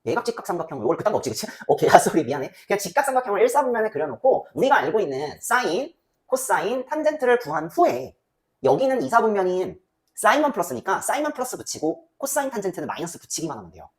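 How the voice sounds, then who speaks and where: Brisk, animated woman teaching math. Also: medium pitch. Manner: chatty, asks students frequent checking questions; voices student replies herself. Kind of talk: casual lecture.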